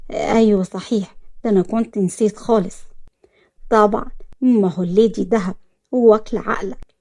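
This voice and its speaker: A woman's voice: mid-range voice, fairly even intonation, a little fast, darkish tone, natural voice. A woman with an Egyptian accent voicing a stern young businessman who gives curt orders. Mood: bossy. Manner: commanding, curt. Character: stern young businessman, bossy guardian cousin.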